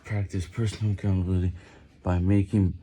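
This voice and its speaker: A man's voice: low-pitched, flat delivery, brisk, dark tone, a little hiss or hum. A man reading a book aloud while doing push-ups, stumbling over and repeating words under the physical effort. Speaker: vlogger reading on camera.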